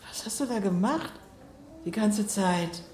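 Here the actress's voice is medium-pitched and close to everyday speech, with lively intonation, a measured pace and a slightly mellow tone in an echoey room. She plays a persistent mother, recovering from heart surgery, who keeps pressing her daughter with insistent, probing questions for a radio play.

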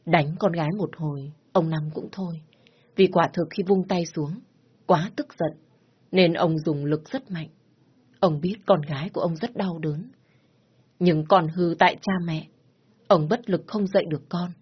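A woman tells a story in a grave, steady voice. Her tone sits low and husky. The recording sounds dull and lo-fi. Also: a little slow. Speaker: narrator. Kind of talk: storybook narration.

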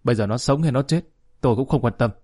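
A man's voice: mid-range voice, quick pace, mellow, natural voice. A man voicing a stern, hard-hearted older father who speaks coldly and scoldingly. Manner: cold, cutting, scolding.

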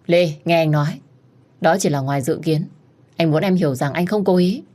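A woman's voice: deep voice, normal speed, dark tone, lightly acted. A woman voicing a pleading young husband.

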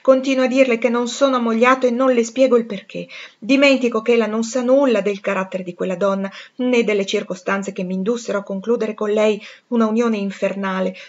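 A woman voicing a proud, passionate gentleman in an audiobook reading, intense and pleading. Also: a little high, steady tone, brisk, dull audio, close to an everyday voice. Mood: confiding.

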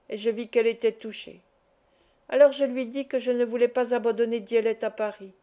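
A woman narrating a classic novel as an audiobook reader, calm and measured. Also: on the high side.

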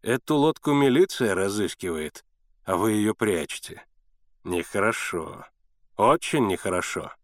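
A man's voice: on the low side, very animated, moderate pace, dry recording, voice pushed down. A man voicing a sly, mocking adult male boatman in a sneering, reproachful manner for an audiobook. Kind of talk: audiobook character voice.

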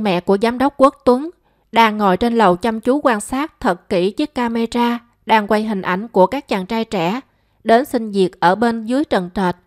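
A woman narrating an audiobook story in a steady, even storytelling voice. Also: on the high side, no room sound, studio quality.

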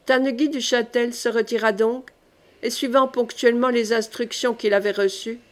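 Calm woman reading a novel aloud. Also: fairly high pitch, normal speed. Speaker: audiobook reader.

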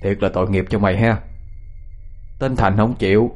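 A man voices a teasing, rowdy young village man. His fairly low voice is a little mellow and close to an everyday tone, with fairly even intonation and a moderate pace. Soft music plays in the background.

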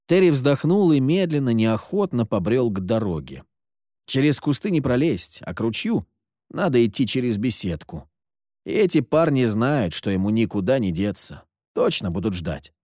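Expressive male storyteller, dry sound. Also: mid-range voice, dry recording. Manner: expressive reading with lively intonation. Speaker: narrator. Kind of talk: audiobook storytelling.

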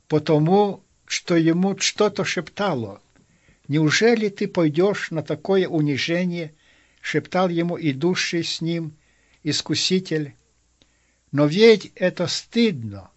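A pastor delivers a sermon in a very slow, measured voice, pausing often between phrases. His voice sits a bit high for a man. The recording sounds dull and lo-fi. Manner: slow, measured storytelling with many pauses.

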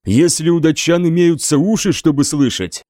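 A man's voice: on the high side, moderate pace, a little mellow, no echo, studio quality, natural voice. A man voicing an eager, cheerful young priest who speaks earnestly and piously in an audiobook.

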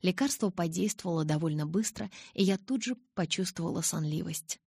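A woman reading a novel aloud as scripted narration, in an even, measured way. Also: fairly low pitch, creaky, breathy edge, no echo. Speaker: audiobook reader.

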